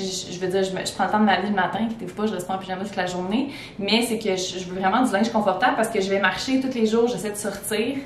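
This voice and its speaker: A young Québécois French-accented woman, a teacher who vlogs, chats casually at home about her clothing finds in a fashion haul, full of fillers and restarts. She sits back from the camera, far from the mic, so the room rings with echo over a faint rumble.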